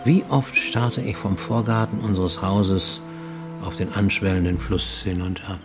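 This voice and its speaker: A low, natural male voice performs the role of a haunted, middle-aged Japanese fugitive in a German radio play. The actor speaks formally and intensely, at moments dropping almost to a whisper.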